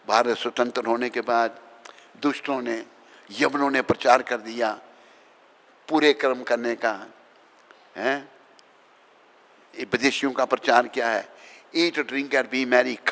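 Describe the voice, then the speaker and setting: A man's voice: mid-range voice, fairly bright tone. A man, a swami, giving a devotional sermon with stories, speaking emphatically and calling out questions to his audience. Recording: reverberant hall sound.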